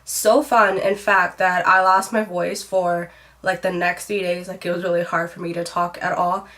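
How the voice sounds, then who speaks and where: A woman's voice: mid-range voice, a bit bright. Young woman, stuffy nasal cold voice, chatty rambly vlog talk, says like a lot. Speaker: beauty vlogger. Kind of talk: casual favorites vlog.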